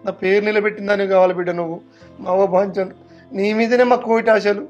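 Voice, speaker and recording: A man's voice: sits high, fairly even intonation, fast, muffled recording, faint music behind. An actor with a Telangana Telugu accent playing a remorseful father who drinks, pleading and coaxing with his daughter. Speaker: actor in a family web drama. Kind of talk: dialect family drama acting.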